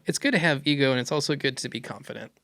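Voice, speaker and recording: A man's voice: medium pitch, rapid-fire, fairly bright tone, dry recording, clean studio sound. A man hosting a podcast in casual chat, agreeable, backing his guest with frequent yeahs. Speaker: podcast host.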